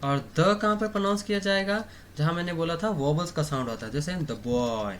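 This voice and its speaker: Hindi-speaking teacher checking in with "okay". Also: male voice, on the high side, fairly bright tone, slight background noise. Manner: fills pauses with "okay" and "theek hai"; asks himself questions and then answers them. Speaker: English grammar teacher. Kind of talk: explanatory online lesson.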